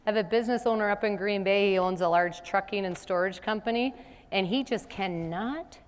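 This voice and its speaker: A woman's voice: mid-range voice, fairly quick. A middle-aged woman presenting a business seminar in a conversational way, often asking the audience rhetorical questions. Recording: long hall reverb.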